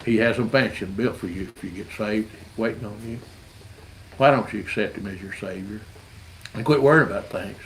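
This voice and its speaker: A man's voice: on the low side, fairly quick, a bit bright, a little hiss or hum, poor audio. A man, a street rodder giving an earnest, folksy evangelistic testimony and often repeating words as he goes. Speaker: street rodder sharing his faith.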